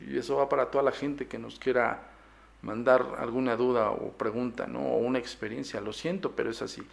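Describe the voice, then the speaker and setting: Mexican male podcast host, gravelly, exasperated and blunt in a casual monologue. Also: medium pitch, fairly even intonation, brisk. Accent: Mexican Spanish.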